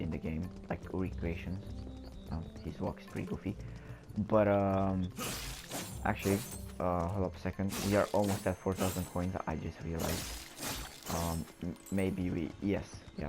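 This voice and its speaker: A man with a low voice hosts a gameplay video. He talks casually, rambling and pausing as he thinks aloud. Game music is clearly audible behind him.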